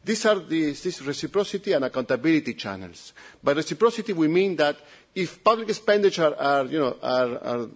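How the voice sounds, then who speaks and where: A man's voice: on the high side, very animated, brisk. A man with an Italian accent presenting a report to an audience, often repeating words and restarting.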